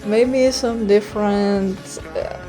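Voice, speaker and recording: A young woman from Czechia with a Czech accent, chatting casually for a vlog in a hushed, awkward, self-conscious and apologetic way. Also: mid-range voice, fairly even intonation, slow, soft background music. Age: young adult. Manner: keeping voice hushed so as not to be heard in the house. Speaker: online video creator. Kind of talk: casual rambling vlog chat.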